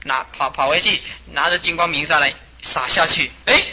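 Bright-voiced monk telling a story. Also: male voice, a little high, moderate pace, highs cut off. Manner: animated, chuckling storyteller. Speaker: Buddhist master. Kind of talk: storytelling sermon.

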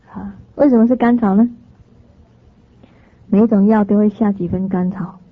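Woman preaching with stories, animated, trips over words n fixes them, dry dull sound. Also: mid-range voice, moderate pace, breathy edge, dry recording. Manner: lively storyteller, laughs, corrects herself. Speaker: dharma teacher. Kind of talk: storytelling sermon to an audience.

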